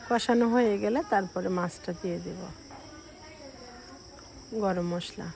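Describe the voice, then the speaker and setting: A middle-aged woman talks through her cooking in a slow, soft, unhurried way. A cold leaves her a little short of breath as she speaks. Her voice sits at an ordinary pitch, with a faint hiss of noise in the background. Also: vocal fry. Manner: slow, soft-spoken explaining. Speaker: cooking vlogger. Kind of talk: casual cooking voice-over.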